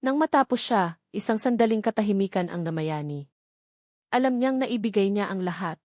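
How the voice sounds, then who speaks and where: Here a woman with a Filipino accent narrates a dramatic scripted story in a medium-pitched, slightly mellow voice. She sounds animated at a normal speed, captured in a clean, dry studio recording.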